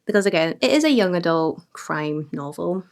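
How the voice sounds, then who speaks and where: Young woman, book vlogger, chatty and bubbly, voice a touch lower than most. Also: animated, moderate pace. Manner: chatty and enthusiastic, lots of fillers. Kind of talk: casual book review chat.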